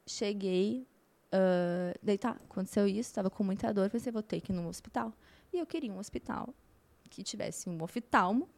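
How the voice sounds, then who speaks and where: A woman, a flight attendant, telling a story in a lively, casual way, often repeating words for effect. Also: mid-range voice, moderate pace, creaky.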